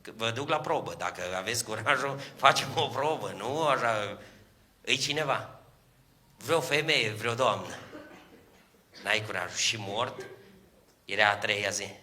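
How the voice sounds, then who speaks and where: A man preaching an evangelistic sermon, telling stories and acting out dialogue, rising to loud drawn-out peaks and speaking directly to the congregation in a church. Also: fairly low pitch. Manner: storytelling that climbs to shouted, drawn-out peaks; acts out quoted dialogue, addresses the congregation directly.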